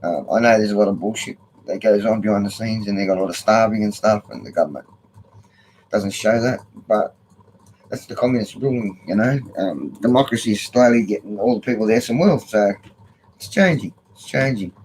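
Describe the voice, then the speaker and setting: A man's voice: on the low side, brisk, darkish tone, rough recording. An older Australian man with slurred speech from missing front teeth, rambling casually in a blunt, sweary, matey way. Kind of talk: casual rambling opinion vlog. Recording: noticeable background noise.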